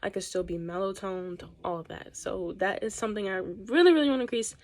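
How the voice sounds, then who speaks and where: A young woman chats casually to a camera set up across the room, speaking quickly. Her words sometimes tumble and catch as she rushes ahead, and her pitch sits in the middle of the range. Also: a little mellow. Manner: talks fast, occasionally stumbles over words. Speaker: YouTuber. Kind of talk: casual vlog talk to camera.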